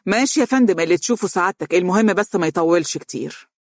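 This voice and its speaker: A narrator voicing an assertive, impatient woman with high connections, in Egyptian Arabic, for an audiobook. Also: lively intonation, no room sound, studio quality, close to an everyday voice. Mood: assured. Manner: brisk, assertive, agitated. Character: forceful, well-connected woman engineer, impatient.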